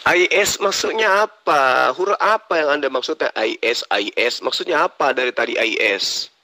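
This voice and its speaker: A man with a bright, forceful voice cross-examines his opponent in a heated religious debate, sarcastic and insistent. The sound is close and dry, with no room around it. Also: mid-range voice, animated, moderate pace, no echo. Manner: challenging, pressing questions, sarcastic. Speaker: Islamic preacher debater.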